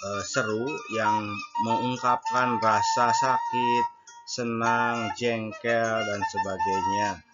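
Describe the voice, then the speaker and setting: Guy teaching a grammar lesson, patient, bouncy up-and-down voice, loud music behind. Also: medium pitch, wildly swooping pitch, slow, highs cut off. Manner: explains patiently, translating each point between two languages.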